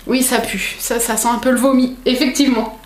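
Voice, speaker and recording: A young woman chatting as a book vlogger, excitable and full of fillers. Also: on the high side, brisk. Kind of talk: casual unboxing chat. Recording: echoey room.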